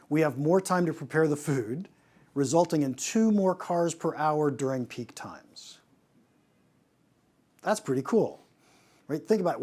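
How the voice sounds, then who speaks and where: A man with a slightly high voice gives a lively lesson on pricing as a consultant. He keeps asking rhetorical questions and often stumbles into quick restarts as he builds his points. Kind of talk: presentation on pricing.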